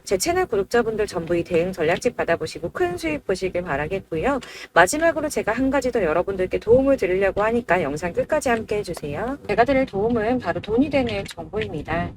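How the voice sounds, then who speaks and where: A woman hosting a crypto channel, reading a scripted promotional narration in a brisk, salesy pitch to subscribers.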